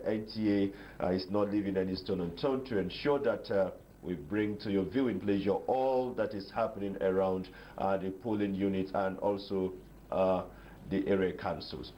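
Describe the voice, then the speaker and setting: A man with a Nigerian accent anchoring live election coverage off the cuff, speaking haltingly with many filled pauses. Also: deep voice, warm tone, a little hiss or hum, poor audio. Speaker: news anchor.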